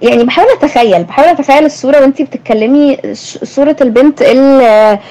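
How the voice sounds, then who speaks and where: A woman's voice: high-pitched, very fast, dark tone, low-quality recording. A young woman with an Egyptian Arabic accent, hosting a thoughtful conversation and asking her guest questions. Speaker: host. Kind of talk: reflective conversation.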